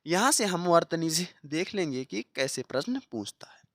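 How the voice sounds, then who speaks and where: A teacher running an exam-prep lesson, who reads each answer option aloud as a question, checks in with frequent "okay"s, and repeats key answers slowly for drilling. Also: medium pitch, very animated, fairly bright tone, no echo, studio quality. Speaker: Hindi teacher for exam preparation.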